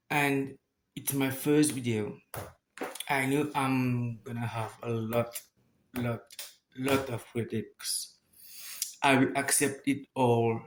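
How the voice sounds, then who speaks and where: A man with a Mauritian accent and Mauritian Creole as his first language talks casually to viewers, halting as he searches for words and repeats phrases. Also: medium pitch, a little hiss or hum, poor audio. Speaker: YouTuber making a first video.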